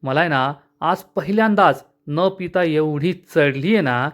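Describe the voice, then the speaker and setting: A man's voice: fairly high pitch, a little slow, close to an everyday voice. A man reading out the lines of a boastful, bullying man from a TV serial, in a jeering tone. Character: drunken, bullying grown man of the house.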